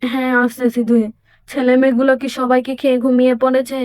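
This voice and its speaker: Woman voicing a calm poor village father. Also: sits high, fast talker, no room sound, natural voice. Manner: calm, comforting. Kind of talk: doll story drama.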